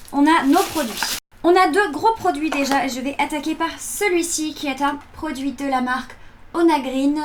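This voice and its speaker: A woman in her early twenties chatting informally as she presents beauty products in a casual vlog review. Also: sits high. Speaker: beauty box unboxing vlogger. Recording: electric fan noise in background. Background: whirring electric fan.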